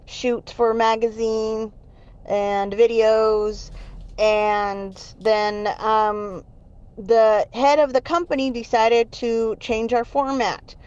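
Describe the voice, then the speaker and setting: A woman's voice: fairly high pitch, a little mellow, clean tone. A woman calling in, telling a casual story over a phone line in a voicemail and laughing between sentences. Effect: over a phone line, left as a voicemail. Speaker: caller.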